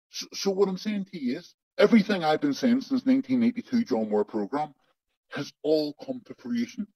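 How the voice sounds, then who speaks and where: A man's voice: a little high, darkish tone, dry recording. Man with a digitally disguised voice. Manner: blunt, emphatic, heavy swearing, repeats for stress. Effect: voice digitally altered to disguise identity. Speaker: interviewee, former undercover agent. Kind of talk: angry first-person testimony in an interview. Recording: dull lo-fi audio over a remote connection.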